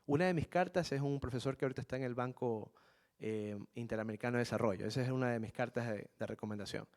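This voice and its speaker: A man's voice: medium pitch, fast talker, darkish tone. A middle-aged man from Ecuador, a guest speaker telling a personal story to students in an earnest manner, repeating key phrases and calling them "jóvenes".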